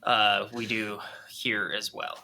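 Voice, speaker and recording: A man with a Minnesotan accent, a podcast guest chatting casually over a video call, talking haltingly with many restarts. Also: on the low side, flat delivery, bright, forceful tone. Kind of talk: casual chat.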